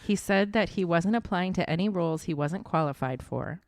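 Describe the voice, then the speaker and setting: A woman's voice: lowish voice, animated, normal speed, no echo, studio quality. A woman in her forties co-hosting a podcast, chatting casually with strong opinions and recounting points in a plain, indignant way. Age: 40s. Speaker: podcast co-host.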